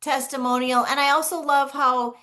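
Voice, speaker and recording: A woman's voice: high-pitched, fairly even intonation, normal speed, pushed and bright. A woman hosting a casual video call chat, enthusiastic and full of gushing praise. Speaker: host.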